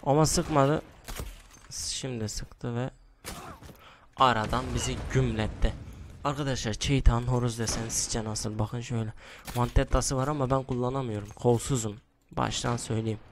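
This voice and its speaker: A young man giving casual commentary while he plays a shooter game, mostly hushed because it is late at night, with sudden excited outbursts and groans. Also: medium pitch, moderate pace, a little hiss or hum. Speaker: gaming YouTuber. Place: room at home at night.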